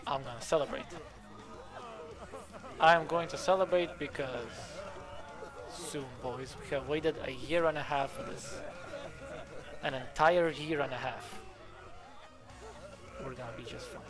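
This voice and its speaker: A man live-streaming a video game, reacting excitedly to chat and swearing often. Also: fairly high pitch, a little slow, pauses often, music in the background.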